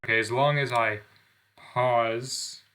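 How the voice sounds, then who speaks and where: A man's voice: mid-range voice, steady tone, takes it slowly, pushed and bright, clear, resonant tone. A young man giving casual gameplay commentary, rambling with lots of fillers, swearing and making fun of himself. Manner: rambling, self-deprecating, swears often, many fillers. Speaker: gaming channel host.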